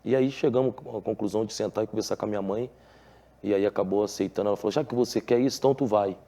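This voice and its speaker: Speaking very fast in a lowish, mellow voice, a Rio de Janeiro native with a Carioca Portuguese accent shares his past as a footballer. It's a relaxed TV interview, and he comes across as earnest, with many filler tags and restarts.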